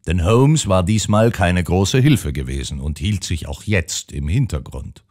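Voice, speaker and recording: A man narrating an audiobook in the first person with a measured storytelling delivery. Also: low-pitched, expressive, darkish tone.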